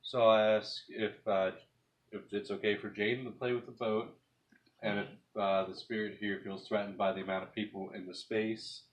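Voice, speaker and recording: A man's voice: fairly low pitch, little pitch movement, moderate pace. Casual man leading a ghost-hunting session. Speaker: paranormal investigator leading an EVP session. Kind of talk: casual talk and spoken questions to a spirit.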